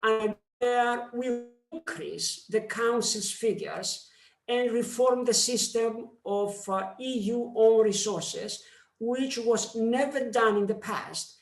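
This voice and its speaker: A very high-voiced man with a Greek accent, who serves in parliament, addresses a seminar formally at a slow, measured pace broken by pauses. The audio is poor and the room is echoey.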